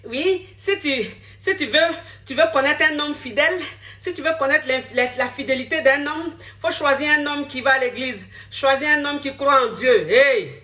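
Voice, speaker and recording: High bright-voiced woman, blunt and scolding, repeats herself a lot. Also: moderate pace. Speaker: relationship coach. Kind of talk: direct-to-camera social media talk.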